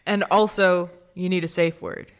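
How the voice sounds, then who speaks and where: A woman's voice: lowish voice, steady tone, moderate pace, clear, resonant tone. A woman with a stutter co-hosting a podcast in casual, swearing banter. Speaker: podcast co-host. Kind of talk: casual chat.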